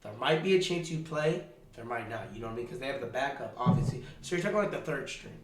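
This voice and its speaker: A man's voice: medium pitch, animated, fast, recorded from a distance. A teenage boy co-hosting a casual podcast, rambling with lots of fillers and saying "bro" often. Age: teens. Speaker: podcast co-host. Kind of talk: casual chat. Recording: roomy echo, off-mic.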